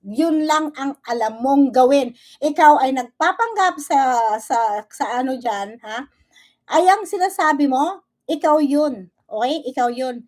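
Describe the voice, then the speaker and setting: Woman vlogger, high voice, confrontational rant, mixes Tagalog and English, keeps demanding "okay?". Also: lively intonation, a little slow, a little mellow. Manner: switches between Tagalog and English. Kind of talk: angry reaction rant.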